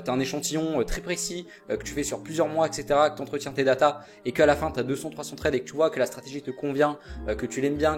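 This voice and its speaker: Fast-talking young guy teaching trading, casual, lots of fillers, bit of music behind. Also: fairly high pitch. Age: young adult. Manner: informal, direct, repeats "vraiment" and many fillers. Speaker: trading educator. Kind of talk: casual spoken lesson.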